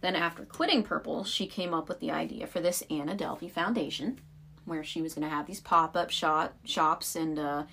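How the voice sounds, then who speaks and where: A woman's voice: sits low, normal speed, gravelly, pushed and bright, slight background noise. A young woman co-hosting a podcast, telling a story in casual chat with lots of "like" fillers. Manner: chatty storyteller, frequent "like" fillers. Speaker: podcast co-host.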